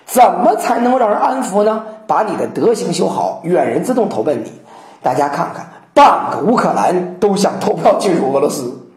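A woman lecturing on classical poetry, telling stories in an animated way and acting out quotations. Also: fairly low pitch, normal speed. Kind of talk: lively storytelling lecture. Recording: roomy echo.

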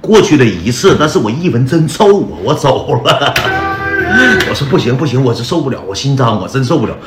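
Chatty Northeastern Mandarin livestreamer. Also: male voice, medium pitch, expressive, quick pace. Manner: chatty, keeps calling out to the viewers as brothers. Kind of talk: casual storytelling livestream. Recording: roomy echo with loud background music.

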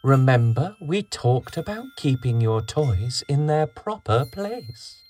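A patient storybook mother, put on by a man reading aloud, gently chiding her forgetful little son. The voice sits noticeably above the performer's own and a bit louder, calm and reminding. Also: mid-range voice, slow, pitched above the performer's own voice. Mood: gently scolding.

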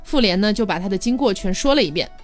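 Lively woman retelling a ghost tale. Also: mid-range voice, fast talker. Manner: lively retelling with voiced quotes and laughter. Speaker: podcast host storyteller. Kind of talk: casual storytelling. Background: background music.

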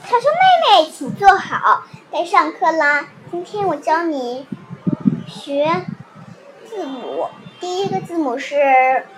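A woman's voice: very high voice, big pitch swings, takes it slowly, noisy background, exaggerated voice. A woman voicing a bossy, bragging little girl who orders her friend around in a storybook. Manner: bossy, commanding.

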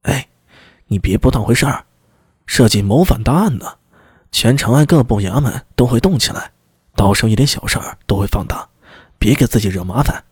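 A man's voice: medium pitch, lively intonation, moderate pace, a little mellow, husky, no room sound, studio quality. A man reading an audiobook, voicing a brusque young male constable officer who gives blunt, warning advice. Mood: urgent advice.

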